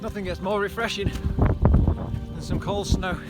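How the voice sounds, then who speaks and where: Higher-voiced man vlogging mid-run over loud music. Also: little pitch movement, a little slow. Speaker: trail running vlogger. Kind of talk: casual outdoor vlog chat to camera. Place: outdoors on an upland trail.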